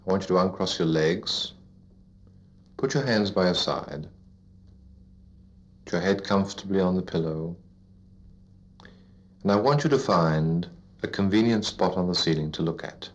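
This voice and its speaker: A man guiding a listener into sleep as a hypnotist, in a soothing, repetitive, deliberate narration with pauses, like a sleep story narrator. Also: deep voice. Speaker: hypnotist leading a relaxation induction. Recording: dull lo-fi recording.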